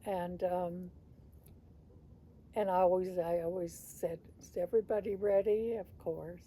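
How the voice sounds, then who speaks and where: A woman's voice: lowish voice, fairly even intonation, a little slow, warm tone, slight background noise. An older woman reminiscing casually as a sweet, folksy grandmother, rambling through family stories and often chuckling. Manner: chuckles often while talking.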